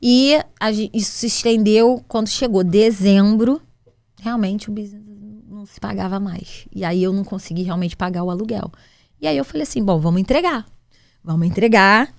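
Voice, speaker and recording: A woman's voice: mid-range voice, moderate pace, creaky, no room sound, clean studio sound. A woman from Brazil, a guest in an interview, telling a personal story with feeling, acting out conversations with many restarts. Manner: animated, acts out dialogue with many restarts. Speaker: guest, restaurant business owner.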